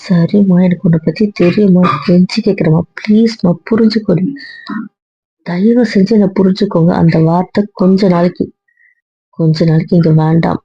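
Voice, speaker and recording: A woman's voice: lowish voice, steady tone, moderate pace, slightly rough, dry recording. A woman playing a young wife in a hobby audio drama, earnestly pleading and refusing over and over, recorded with a dull lo-fi sound.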